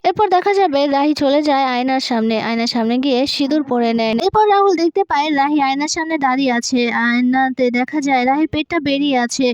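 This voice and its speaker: A woman's voice: high-pitched, fairly quick, few pauses, no echo. A woman narrating a recap of a television serial, reading every character's lines in her own voice.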